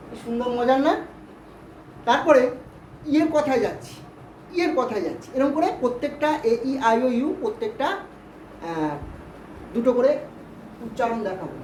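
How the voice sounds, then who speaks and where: Woman, English teacher, high voice, patient and repetitive, quizzes pupils, roomy recording. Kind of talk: Bengali-language grammar lesson. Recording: roomy, distant, faint background hiss.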